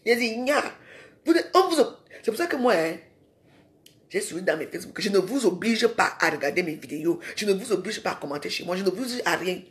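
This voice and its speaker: A woman's voice: medium pitch, animated, fairly quick. A woman ranting in a live social media video. She is confrontational and scolding and keeps firing rhetorical questions at her viewers.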